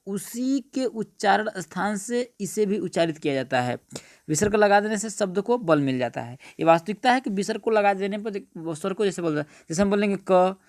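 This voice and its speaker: A man's voice: sits high, no echo, studio quality. A male teacher giving an exam-prep grammar lesson, repeating points and asking his friends rhetorical questions. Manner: repetitive, keeps asking "what is it, friends?".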